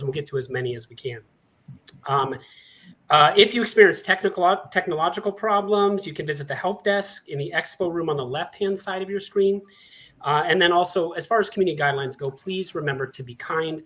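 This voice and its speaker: A Montana man in his forties hosts a conference session as host and panelist, his voice a little high, bright, and forceful. He comes across as friendly, chatty, and self-deprecating.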